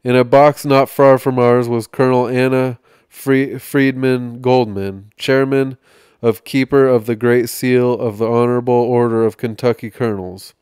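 Male podcast reader, steady and measured, smooth tone, dry close sound. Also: mid-range voice, dry recording. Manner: measured reading with small slips and restarts. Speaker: podcast host reading aloud. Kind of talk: reading an article aloud.

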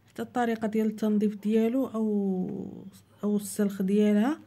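A woman with a Moroccan Arabic accent talks viewers through a home recipe in a cooking voice-over. Her voice is very dark and mellow, middle in pitch, and her delivery is plain and instructive. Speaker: cooking channel host.

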